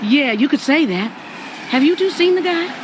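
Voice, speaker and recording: A woman's voice: high-pitched, expressive, normal speed, noisy background. A woman playing a sassy, blunt, grudge-holding ghost of an older mother in a cartoon video game. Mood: vengeful.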